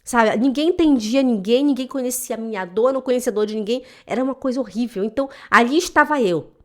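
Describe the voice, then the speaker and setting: A woman with a voice pitched a little high speaks directly to her viewers. She is a German teacher, and she talks in an emotional, emphatic way in a motivational home vlog. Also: fast. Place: home in Switzerland.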